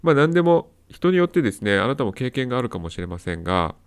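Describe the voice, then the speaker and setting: A man's voice: medium pitch, very animated, fast talker, clean tone. A man hosting a solo advice talk, explaining step by step and repeating his key points. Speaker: host of a self-help audio talk.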